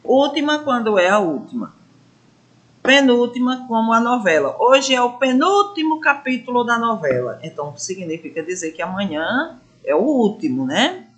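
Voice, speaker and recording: A woman teaching a grammar lesson, drawing out syllables slowly to show stress and asking her pupils questions. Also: fairly high pitch, very animated. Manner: addresses pupils as gente, asks questions. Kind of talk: classroom lesson explanation.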